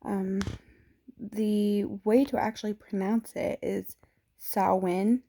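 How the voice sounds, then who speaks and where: Mellow, flat-toned woman explaining hesitantly. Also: medium pitch, vocal fry, a little hiss or hum. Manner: hesitant, frequent filler pauses. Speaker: vlogger. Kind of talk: casual spoken explainer.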